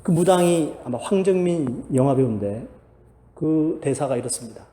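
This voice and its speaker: A man's voice: fairly high pitch, moderate pace, warm tone. A man preaching a sermon as pastor, earnest and building to emphatic exhortation. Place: church sanctuary. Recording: echoey church hall, long reverb.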